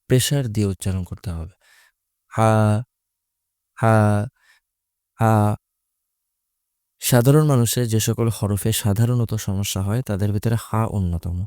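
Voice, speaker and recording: A man's voice: lowish voice, dark tone, no room sound, clean studio sound. A man teaching Quran recitation, explaining Arabic letters patiently and methodically, repeating each letter's sound.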